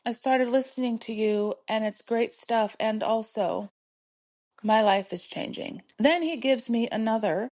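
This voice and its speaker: A middle-aged woman with a slightly high, darkish voice speaks unhurriedly as she hosts her solo podcast. Her motivational message is calming and supportive, punctuated by frequent laughter as she urges listeners onward.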